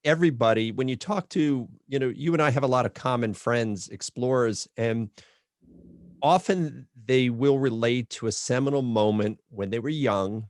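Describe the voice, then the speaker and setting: A man's voice: medium pitch, moderate pace, no room sound. Man hosting a podcast, dry sound. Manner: casual, prompting questions. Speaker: host. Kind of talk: podcast interview.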